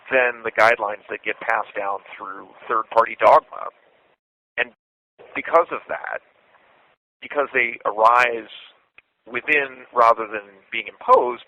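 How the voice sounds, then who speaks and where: A man in his forties hosting a podcast from prison over a payphone call, speaking in a measured, thoughtful, reflective way. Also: lowish voice, vocal fry, no echo. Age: 40s. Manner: measured, thoughtful, deliberate delivery. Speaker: podcast host and imprisoned writer. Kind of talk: reflective spoken essay. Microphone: phone handset. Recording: tinny dry phone line.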